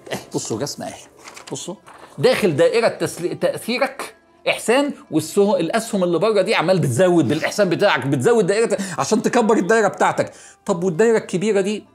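Egyptian preacher guy, middle aged, rapid and kinda gravelly, soft music underneath. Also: fairly high pitch. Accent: Egyptian Arabic. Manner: earnest, coaxing, repeats words for emphasis, drops to a soft hush. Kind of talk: motivational religious talk.

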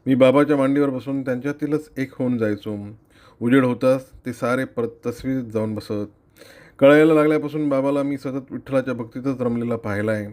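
A middle-aged man from Maharashtra reading a friend's essay aloud at home, earnest and reflective, with measured pacing and occasional slips. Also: medium pitch, darkish tone. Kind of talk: read-aloud narration.

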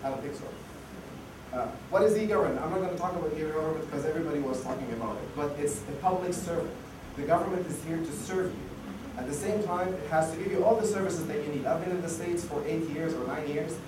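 His voice a little high, the man talks fast through a casual conference presentation, stumbling over fillers and restarts while losing his voice. The recording comes from a distant mic in a noisy, echoey conference hall.

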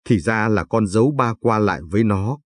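A man's voice: on the low side, brisk, close to an everyday voice. A man reading the lines of a stern, grieving older father in a spoken story. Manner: stern, scolding.

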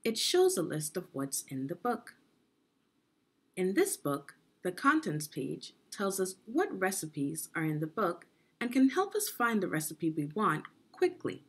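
Leading a read-aloud lesson for young children, this middle-aged education consultant uses a husky, lowish voice that rises and falls very expressively. She goes deliberately, teaching as she reads, with pauses and questions along the way.

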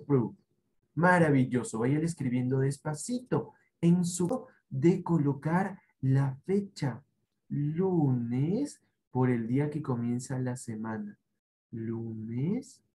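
A man with an Ecuadorian accent teaching young children online, patiently encouraging them and repeating syllables slowly. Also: mid-range voice, mellow. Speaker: primary school teacher.

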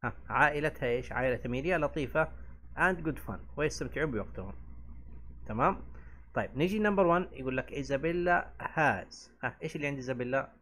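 A man explaining a classroom English lesson, reading English lines slowly and then explaining them quickly with prompting questions. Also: medium pitch, pushed and bright. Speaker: English teacher.

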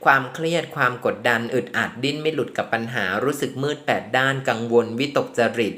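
A man's voice: medium pitch, brisk, pushed and bright. A man doing a tarot reading in a chatty, affectionate way, speaking to the contestant as to a younger sibling. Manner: chatty, affectionate, calls the subject "child". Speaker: tarot reader. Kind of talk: casual tarot reading commentary.

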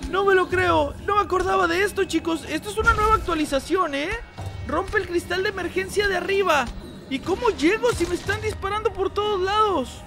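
A woman hosting a let's-play video, playing alongside her young child, who gets excited and shrieks in alarm at the game and talks straight to her viewers. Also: extremely high pitch, fairly quick, music in the background. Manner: addresses viewers directly. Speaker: gaming channel host.

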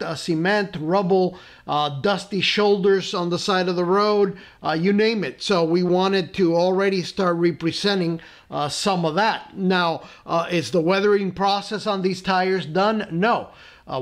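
A man hosting a casual scale-model painting tutorial at his workbench, relaxed and full of "uh" fillers and friendly asides. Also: sits high. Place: tabletop workbench indoors.

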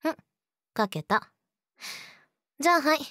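A woman's voice: high voice, lively intonation, measured pace, sharp tone, no echo, clean studio sound, exaggerated voice. A woman playing a sweet but eerily obsessive, jealous young girlfriend in a teasing audio drama spoken to the listener. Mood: teasing, menacing. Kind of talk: Japanese situation voice audio drama, addressed to the listener.

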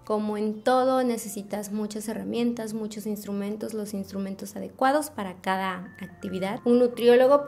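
A woman's voice: mid-range voice, mellow. A young Mexican woman with a Mexican accent giving a patient, step-by-step makeup tutorial, full of affectionate diminutives. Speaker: beauty vlogger.

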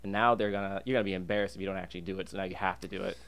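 This young Albertan freelance illustrator and designer races through his words in a low-pitched, steady voice with a fairly bright tone. He's a relaxed guest on a podcast taped in a booth inside a diner, where ambient noise comes through clearly.

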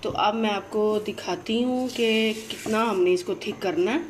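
In an indoor home kitchen, a woman hosting a cooking channel chats viewers through a recipe step by step, often asking them to look. Her medium-pitched voice is unhurried, and clattering dishes and utensils add slight background noise.

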